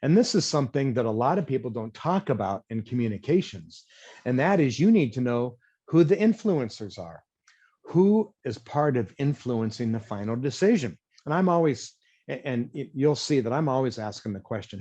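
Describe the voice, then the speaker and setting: A man teaching a business webinar, high-energy by nature but pacing himself to explain each point. His voice sits in the middle range. The audio is dull and lo-fi, as from a video call. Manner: energetic, self-described high-wire talker; deliberately slowed, explanatory pace. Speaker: marketing trainer. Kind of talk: webinar presentation.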